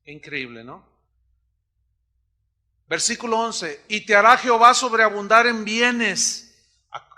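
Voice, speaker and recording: A man, a pastor preaching a sermon in an animated way and acting out the voices of the people in his stories. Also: high voice.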